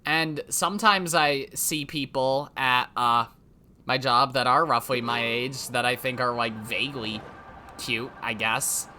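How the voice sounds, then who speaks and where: A man's voice: mid-range voice, unhurried, sharp tone, a little hiss or hum. A young man rambling through casual, self-mocking, profanity-laced commentary while playing a game at home. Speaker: let's play gamer.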